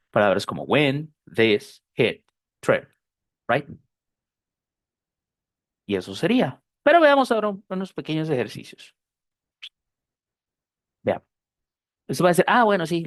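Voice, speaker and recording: Lively teacher. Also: mid-range voice, no echo. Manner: explains by repeating model words slowly. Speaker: English teacher. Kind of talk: online pronunciation lesson.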